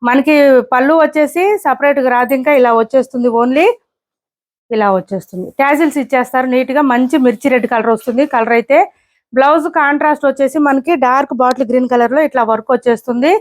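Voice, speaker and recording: Brisk high-voiced woman selling sarees. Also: fairly even intonation. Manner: brisk, repetitive price callouts. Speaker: saree seller. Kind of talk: online sales showcase.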